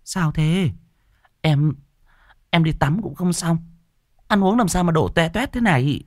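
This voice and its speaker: A man voicing a frightened, abused young wife who pleads and stammers in a much higher voice. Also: lively intonation, a little slow, no room sound, studio quality. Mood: frightened pleading.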